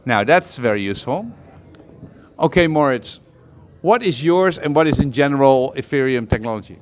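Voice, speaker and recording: A man's voice: medium pitch, lively intonation, normal speed. A male host interviewing a guest in a casual tech chat, asking probing follow-up questions with enthusiasm.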